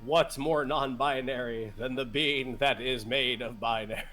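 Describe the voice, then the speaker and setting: A man at mid pitch plays a tabletop game, cracking jokes and tripping over his words as he restarts sentences. Faint music sits behind his voice. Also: steady tone, measured pace, sharp tone. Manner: jokey, stammers and restarts often. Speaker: player. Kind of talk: casual chat at a tabletop game.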